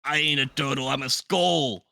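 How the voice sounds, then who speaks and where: A man's voice: medium pitch, steady tone, normal speed, gravelly, bright, forceful tone, no room sound, studio quality. A man voicing a touchy, lazy talking skull with defensive, wisecracking slang in a tabletop game. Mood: insistent, indignant.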